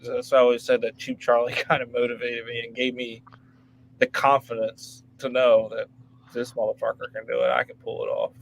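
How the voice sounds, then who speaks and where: A man's voice: mid-range voice, completely flat delivery, fairly quick, gravelly, slight background noise, rough recording. Laughing, profane travel vlogger man. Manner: loose and profane, laughs often. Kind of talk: casual chat.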